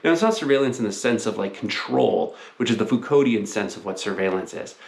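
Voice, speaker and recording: A man's voice: on the low side, expressive, fairly quick, creaky. A man lecturing informally as a college teacher, explaining things to his class in a conversational way. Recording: roomy, echoing sound.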